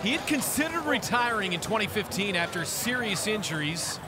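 A man working as play-by-play commentator, giving measured, informative sports commentary. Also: sits high, sing-song. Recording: loud crowd and music behind.

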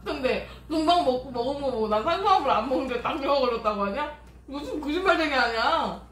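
A woman's voice: sits high, animated, quick pace, fairly bright tone. A woman in casual chat with her partner, teasing him playfully while talking through a mouthful of food. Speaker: co-host of a couple's eating vlog. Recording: roomy echo.

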